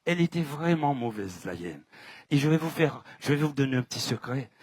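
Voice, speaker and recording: A man with a French Caribbean accent telling folk tales live, in a lively, dramatic way that speaks straight to the audience. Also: mid-range voice, brisk, slightly rough, no room sound. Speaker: storyteller.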